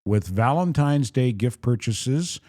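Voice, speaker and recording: A man on a podcast in a studio, pitching a local sponsor in an easygoing, folksy way. His voice sits at a middle pitch and sounds conversational rather than polished. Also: lively intonation, slow, dark tone. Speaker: podcast co-host. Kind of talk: casual chat and live sponsor read.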